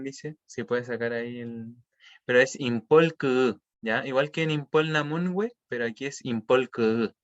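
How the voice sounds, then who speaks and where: A man's voice: medium pitch, a bit bright, lo-fi sound. Patient man teaching a language class. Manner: patient, explanatory, keeps checking understanding. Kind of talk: online class explanation.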